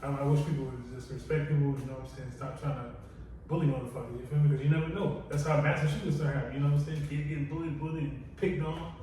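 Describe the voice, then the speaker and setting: A podcast co-host chats casually, talking bluntly and profanely and filling gaps between thoughts with "you know what I'm saying." His voice is a little high and warm, with fairly even intonation and a fast delivery, captured on a distant mic in an echoey room with faint noise.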